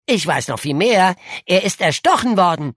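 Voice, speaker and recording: Woman doing a cocky know-it-all kid, lower voice, swings up and down a lot, dry studio sound. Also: expressive, normal speed, husky, no echo. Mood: boastful. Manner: eager, self-assured storytelling. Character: clever boastful young boy, a know-it-all. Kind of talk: audiobook dialogue reading.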